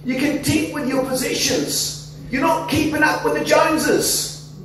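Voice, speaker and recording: A man in his forties with an Australian accent, preaching an animated sermon into a handheld microphone in a church hall. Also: very high voice, measured pace, soft background music. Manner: animated, gesturing, coaxing the congregation. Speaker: pastor. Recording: echoey hall, somewhat distant, faint noise.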